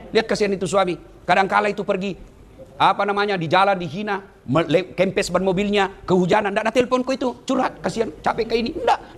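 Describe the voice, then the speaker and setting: A man giving a humorous sermon, teasing his audience and swinging between high exclamations and low, earnest asides. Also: noisy background. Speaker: Islamic preacher.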